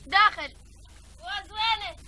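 A woman's voice: extremely high pitch, unhurried. An actress playing a worried mother who questions her family, speaking in a TV drama. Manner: anxious, probing. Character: worried middle-aged mother, anxious about her sons. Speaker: actor. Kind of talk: TV drama acting. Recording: drama audio with audible noise.

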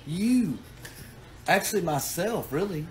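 A man's voice: sits high, lively intonation, slow pace, slight background noise. A man in his thirties at home, answering his partner in an indignant, profane and defensive way. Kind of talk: casual couple argument skit. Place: indoor home.

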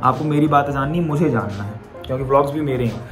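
With music playing behind him, a young adult vlogger talks at a quick pace in a mid-range voice. He rambles casually straight to his viewers through a phone camera held at arm's length for his daily vlog.

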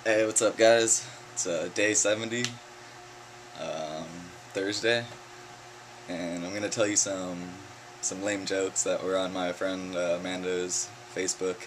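A young man with a fairly low voice tells corny jokes to his camera in a relaxed, easygoing way. He chuckles at his own punchlines. A faint hum sits under the recording. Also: unhurried. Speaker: vlogger. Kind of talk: casual joke telling to camera.

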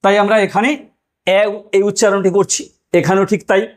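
High-voiced man teaching a language lesson. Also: flat delivery. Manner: rhetorical questions, repeats examples slowly. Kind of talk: explanatory lecture.

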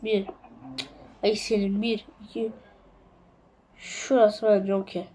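A young woman casually chatting to viewers as she builds in a game, often counting blocks quietly under her breath. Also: mid-range voice, flat delivery, takes it slowly. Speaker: gaming video creator.

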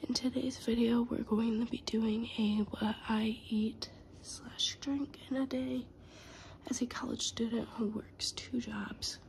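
In a small room at home, a young woman in her twenties whispers a casual vlog into a close-held phone camera. Her slightly high, creaky voice has fairly even intonation and a measured pace, and her cold leaves her throat scratchy and nose congested.

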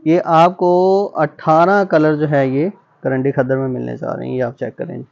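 Male shop seller, fairly high voice, casual product showcase, repetitive patter, slightly muffled phone recording. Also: little pitch movement, normal speed, creaky, a little mellow. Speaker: fabric seller presenting stock. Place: indoor fabric shop with tiled floor.

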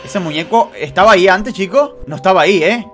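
Man gaming commentator, lively pitch, hushed then shrieking, faint music behind. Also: a little fast. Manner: swings between hushed suspense and sudden loud shrieks; talks to viewers and the baby, joking and teasing. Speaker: gaming youtuber. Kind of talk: excited let's-play commentary.

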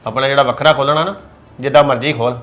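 A man's voice: medium pitch, steady tone, very fast, a bit bright, soft background music, close to an everyday voice. A man playing a stern elder brother, scolding his younger sibling in an exasperated way. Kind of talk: scripted web drama acting.

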